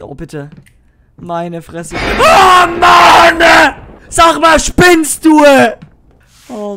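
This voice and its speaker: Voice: medium pitch, a little hiss or hum. A gaming YouTuber giving horror let's play commentary, jumpy and easily startled, swearing with youth slang and talking straight to viewers. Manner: talks directly to viewers.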